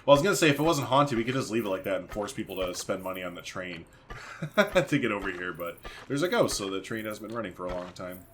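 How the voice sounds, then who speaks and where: A let's-play host with a low but slightly bright voice speaks fast and very animatedly. He keeps up casual chatter, thinking aloud while playing, as faint background noise and game ambience run underneath.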